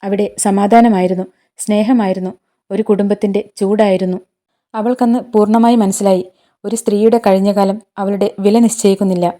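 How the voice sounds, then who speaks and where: A woman narrating a scripted emotional story in a calm, measured reading. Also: mid-range voice.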